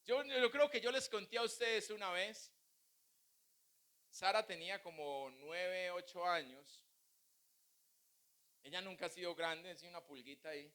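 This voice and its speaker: A man's voice: sits high, unhurried, long pauses, sharp tone. A male pastor preaching a sermon, mixing humorous family stories with teaching. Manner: humorous, anecdotal preaching with acted quotes.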